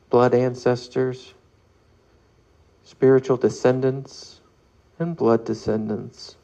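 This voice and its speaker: A man leads a guided meditation, reading aloud slowly and calmly, with long pauses between measured phrases. His mid-range voice is mellow with a creaky edge. The recording is a little muffled.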